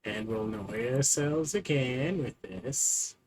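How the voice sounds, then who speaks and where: Rambling male game streamer, slow-paced. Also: medium pitch, darkish tone, slight background noise, poor audio. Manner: rambling, self-talking with frequent fillers. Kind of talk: casual gameplay commentary.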